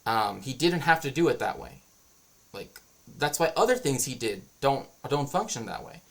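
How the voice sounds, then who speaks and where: A man's voice: mid-range voice, lively intonation, moderate pace, vocal fry. A man streaming as a cultural historian, explaining his views in a casual, rambling monologue.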